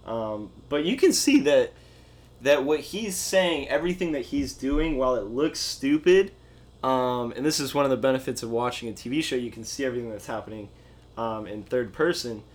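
A man's voice: medium pitch, normal speed. A man co-hosting a casual pop-culture podcast, retelling scenes with lots of fillers and restarts. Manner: rambling, filler-heavy, animated retelling. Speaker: podcast co-host. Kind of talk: casual chat.

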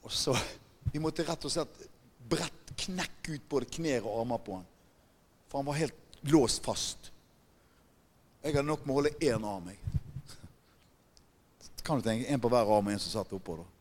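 A man's voice: medium pitch, lively intonation, long pauses, a little mellow. A man preaching a sermon, emphatic and often putting questions to the congregation. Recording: long hall reverb.

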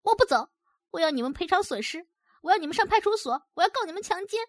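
A woman voicing a furious, cheated young woman who scolds and demands in a shrill, raised voice. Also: fast talker, no echo, clean studio sound, close to an everyday voice. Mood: raging.

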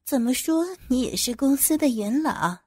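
A woman's voice: high voice, lively intonation, moderate pace, a little mellow, husky, no room sound, pitched above the performer's own voice. A woman voicing an angry middle-aged company boss who rants indignantly and curses a former employee, read as part of an audio story. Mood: confiding. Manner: indignant, cursing, self-pitying ranting.

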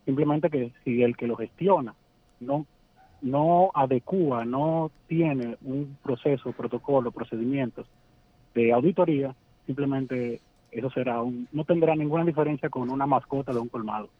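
Man, radio call-in, glitching cut-out phone audio, measured and halting. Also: medium pitch, dry recording. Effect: glitching, cutting-out phone line. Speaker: caller to a radio talk show. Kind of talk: call-in comment. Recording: tinny phone line on speakerphone.

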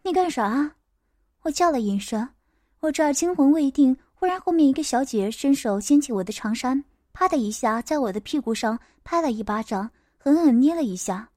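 A woman narrating a first-person audiobook story in a steady, plain way. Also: high voice, a little fast, no echo, clean studio sound.

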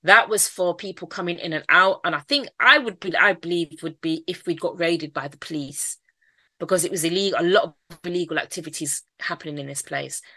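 A woman from Manchester, England, with a Mancunian accent, tells her life story candidly in an interview, often repeating phrases and laughing now and then. Her voice is lowish, brisk, pushed and bright, with no echo.

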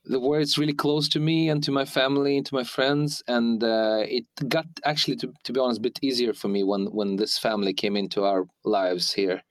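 A man in his forties, raised in Ukraine and now living in Sweden, speaking as an interview guest. He talks in a halting way, full of restarts and fillers. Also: mid-range voice, flat delivery. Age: 40s. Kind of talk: hesitant conversational interview.

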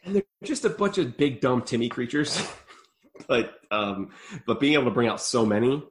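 Male podcast host, mid-pitched, loose and rambling, quick to laugh. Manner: rambling, laughs often, swears casually. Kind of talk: casual chat.

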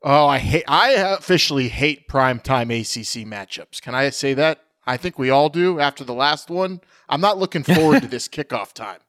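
A man co-hosting a casual sports podcast, energetic and chatty, running through questions and sponsor reads. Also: medium pitch, moderate pace, hardly any pauses, no room sound, studio quality. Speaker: podcast co-host. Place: at home, remote recording.

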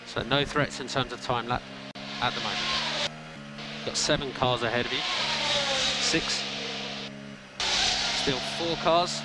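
A male race engineer on team radio, with clear music behind him. He gives terse pit calls in short, clipped instructions, often repeating them for the driver. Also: mid-range voice.

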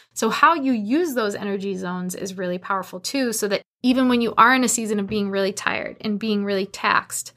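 A woman in her thirties talks through her own podcast episode in a clear, bright voice. She is earnest and encouraging, and she grows animated when she retells a story. Her pitch sits in an ordinary middle range. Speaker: podcast host. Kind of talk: solo podcast monologue.

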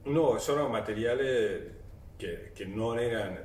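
A man in his forties, a native Spanish speaker with an Argentine accent, talking casually as an interview guest, haltingly searching for words and switching between languages. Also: medium pitch, darkish tone. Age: 40s. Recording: roomy echo, distant mic, faint noise.

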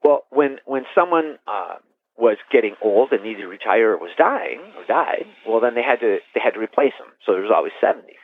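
A middle-aged man, a priest, telling his story in an interview, rambling and animated, restarting sentences and laughing. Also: mid-range voice, a little fast, breathy edge, dry recording. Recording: tinny phone-line sound.

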